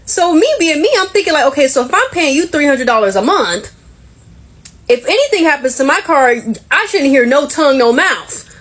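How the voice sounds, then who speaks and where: Woman, high voice, casual exasperated rant, profane. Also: lively intonation, moderate pace, fairly bright tone.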